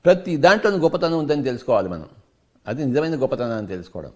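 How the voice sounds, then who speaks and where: A man's voice: medium pitch, expressive, very fast, darkish tone. A man with a Telugu accent giving a spiritual discourse as a meditation teacher, preaching emphatically and firing off rhetorical questions.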